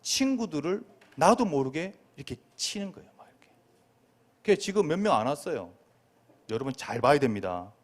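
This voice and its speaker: A man preaching to children in a high, animated voice, his pitch leaping up and down. He is a middle-aged pastor who keeps firing questions at his young listeners. His way of speaking is playful and expressive. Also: a little fast, pauses often. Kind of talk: sermon to a children's group.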